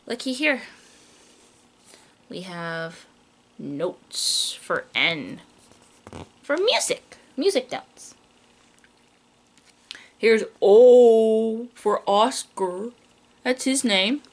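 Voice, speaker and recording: Reading a picture book to small children, a woman teacher addresses them directly, animated and full of simple questions and playful stresses. She speaks on the high side, extremely slowly, leaving long pauses.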